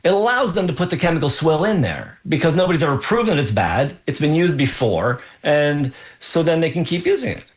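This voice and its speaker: A man hosting a health radio show as a doctor, talking off the cuff in a deliberate, halting way with emphatic pauses. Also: fairly high pitch, animated. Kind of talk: unscripted health talk.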